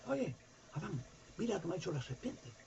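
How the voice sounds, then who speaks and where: A man voicing Eve, a young woman, in a storytelling talk, quiet and earnest. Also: sits high, very animated, a little fast, vocal fry, muffled recording, slight background noise, pitched above the performer's own voice, heavily acted.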